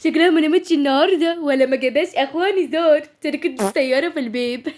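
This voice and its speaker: A woman's voice: sits high, racing, a little mellow, natural voice. A woman voicing a gossiping tattletale schoolgirl, mocking and giggly.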